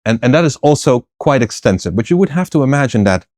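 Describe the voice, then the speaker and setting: A plant philosopher in middle age gives lengthy conversational interview answers as a guest, thoughtful, full of fillers and restarts, with light laughs. His darkish mid-range voice has big pitch swings and a quick pace, captured in a dry, studio-quality recording.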